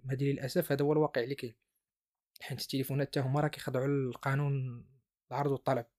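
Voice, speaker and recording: A man's voice: medium pitch, a little mellow. A man with a Moroccan Arabic accent hosting an informal explainer podcast, mixing French terms into his speech. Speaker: podcast host.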